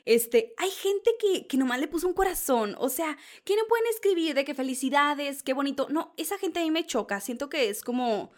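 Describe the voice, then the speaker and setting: A young Mexican woman dishes celebrity gossip in a dramatic, gushing way. Her voice sits a little high, and she keeps calling her listeners sister in a loose, chatty flow. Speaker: gossip show host. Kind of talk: casual celebrity gossip chat.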